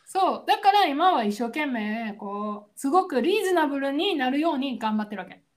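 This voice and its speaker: A woman's voice: high-pitched, big pitch swings, brisk. A woman with a Kansai accent chatting casually as a podcast co-host, explaining phrases and laughing often. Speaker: podcast co-host, Japanese teacher. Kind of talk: casual chat.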